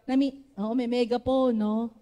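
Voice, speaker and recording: A woman with a Filipino accent preaching a sermon to a church congregation, with a naturally loud voice, often calling on the congregation to respond. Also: a little high, fairly even intonation, measured pace. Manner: switches between Tagalog and English, asks the congregation for responses.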